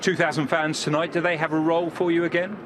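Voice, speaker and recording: A man with a fairly high voice asks pre-match questions as a pitchside reporter. Outdoor stadium noise is clearly audible around him. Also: little pitch movement, fast. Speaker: pitchside sports interviewer.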